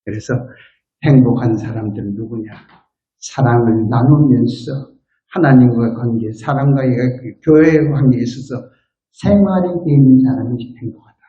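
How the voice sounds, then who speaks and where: An older man, a guest elder, preaching a lively revival sermon from the church floor. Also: normal speed. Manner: lively, acts out quotes with big pitch swings. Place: church sanctuary floor, not the pulpit. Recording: roomy, dull lo-fi church recording.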